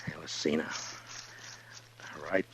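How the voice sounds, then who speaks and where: An actor playing a stern, weary frontier marshal, terse and gruff, in a 1950s radio western. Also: male voice, takes it slowly, natural voice. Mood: determined. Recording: noisy old radio recording.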